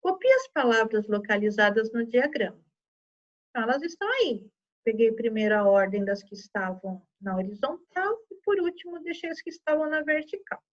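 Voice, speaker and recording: Teacher lady, high voice, walks kids thru spelling patiently, kinda dull lo-fi sound. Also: sing-song, normal speed. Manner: patient, explaining step by step with many "tá?" and "né?". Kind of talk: online Portuguese lesson for children.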